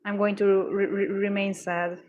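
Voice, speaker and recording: A woman's voice: mid-range voice, flat delivery, a little slow. Gushing young woman livestreamer. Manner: gushing, exclamatory, with frequent stumbles and restarts. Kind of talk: casual chat with live viewers.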